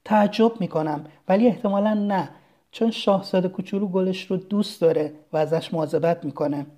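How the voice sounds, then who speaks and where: Calm, mellow storybook narrator. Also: medium pitch.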